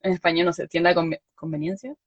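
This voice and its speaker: Chilean woman, young, storyteller, dry dull sound, lively and laughing. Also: lowish voice, quick pace, husky, no echo. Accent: Chilean Spanish. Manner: animated, laughs often, acts out quoted lines. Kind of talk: casual chat, storytelling.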